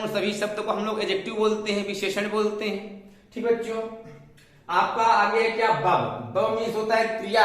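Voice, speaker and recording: A man's voice: sits high, a bit bright. A man teaching a grammar lesson with a Hindi accent, speaking to students and repeating points back to them as questions. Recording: very echoey room.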